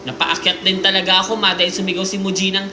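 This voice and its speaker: An animated woman host reads listener stories aloud on a live stream, breaking off for jokes and asides. Her voice sits in the middle of the range. The room rings noticeably, and music plays clearly underneath her. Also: mid-range voice, fast. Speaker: livestream host. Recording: roomy sound with music playing behind.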